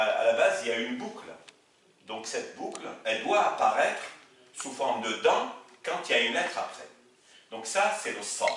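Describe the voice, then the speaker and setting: A male teacher explains a lesson with a lively, animated voice that sounds bright and forceful. He is patient and repeats himself, often asking his students to look. The recording is very echoey and distant, with faint background noise. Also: on the high side. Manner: patient, explains slowly with repetition, says "regardez" often. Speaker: Arabic teacher. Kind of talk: classroom lesson at a board.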